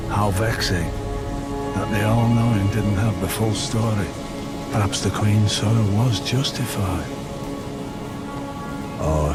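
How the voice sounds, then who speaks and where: Pompous know-it-all keeper of secrets from a dark fantasy game, low measured theatrical male voice, loud moody music and rain behind it. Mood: musing, vexed, then scornful. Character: scholarly, self-important male keeper of secret knowledge. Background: loud ambient music, rain, thunder.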